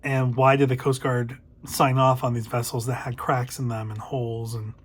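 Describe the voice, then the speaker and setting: Man, middle-aged, book review host, casual, thoughtful, hesitant, mid-pitched voice. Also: level tone, moderate pace, slight background noise. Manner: thoughtful, hesitant, with fillers and self-corrections.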